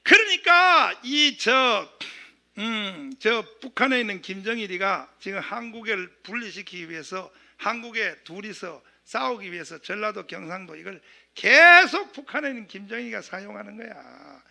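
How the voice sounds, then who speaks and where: A middle-aged man from southeastern Korea preaching a sermon as pastor, animated, acting out quoted voices and calling for amens. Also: high-pitched, moderate pace, gravelly. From Gyeongsang region, South Korea.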